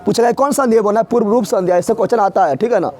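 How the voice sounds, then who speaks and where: A man's voice: sits high, racing, a little mellow. A man teaching an exam-prep grammar lesson, asking questions and answering them himself in a repetitive drilling way. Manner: drilling, asks and answers his own questions.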